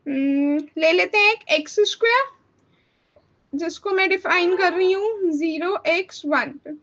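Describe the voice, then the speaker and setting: High-voiced woman tutoring math step by step. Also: fairly bright tone, dull audio. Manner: explains step by step, often checking with a questioning "theek hai?". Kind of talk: chalkboard-style math lecture.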